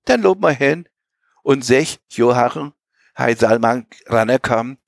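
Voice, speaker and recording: A man voicing a stern, indignant middle-aged merchant consul who scolds gruffly in a Low German accent. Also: animated, takes it slowly, dry recording, studio quality. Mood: commanding.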